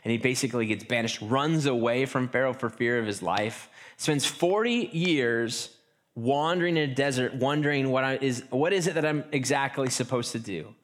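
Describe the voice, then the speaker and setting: This sermon comes from a man of medium pitch who speaks casually, as if chatting. He frequently starts lines again and ducks into quick little performed asides.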